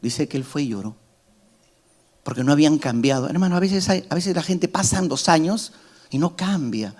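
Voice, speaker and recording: A middle-aged man preaching a sermon as pastor, emphatic, rising to loud climaxes and dropping to soft asides. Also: a little high, animated, normal speed.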